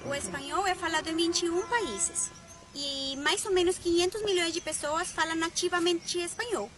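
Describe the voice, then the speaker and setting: A woman's voice: very high-pitched, normal speed. A woman from Colombia whose first language is Spanish, a Spanish teacher and researcher in her thirties, chatting to camera and telling stories with quoted dialogue. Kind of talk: casual vlog talk to camera.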